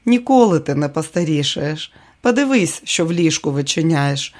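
A male audiobook reader voicing an affectionate, coaxing wife in a soft, raised voice. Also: fairly high pitch, lively intonation, normal speed, natural voice. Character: affectionate younger wife, woman, attentive. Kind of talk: audiobook character reading.

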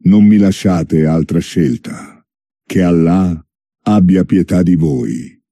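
A man voicing a calm, stern prince delivering an ultimatum in a measured way. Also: low-pitched, no room sound, studio quality, full character voice.

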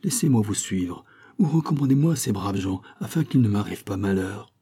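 A man's voice: on the low side, lively intonation, moderate pace, warm tone, slightly rough. A man voicing a timid, anxious jailer in an audiobook, speaking in a pleading way.

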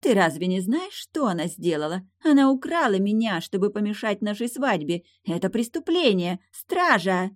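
A woman's voice: fairly low pitch, big pitch swings, moderate pace, few pauses, dry recording, clean studio sound. A woman voicing a spoiled, haughty young noblewoman who whines and pouts, in a read-aloud novel. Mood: capricious. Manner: capricious, whining.

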